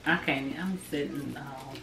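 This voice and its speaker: A woman's voice: a bass voice, unhurried, vocal fry. A middle-aged woman hosting a family snack-tasting video, teasing and laughing bluntly as she chats at home. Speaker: family channel host. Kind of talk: casual snack-tasting chat. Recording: echoey room.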